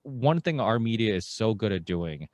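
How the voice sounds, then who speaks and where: Podcast guy in his 30s, kinda low voice, super dry close mic, rambles and riffs. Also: moderate pace, no room sound. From Portugal. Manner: animated, rambling, mocking asides. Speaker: podcast host. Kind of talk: casual interview chat. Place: small home studio with guitars. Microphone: headset and studio microphone on boom arm.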